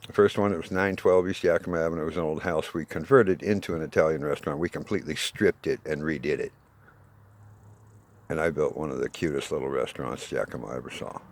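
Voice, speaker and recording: A man in his sixties giving a rambling, aggrieved monologue, swinging between loud bursts and low muttering. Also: fast talker. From United States. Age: 60s. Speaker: self-made video appeal.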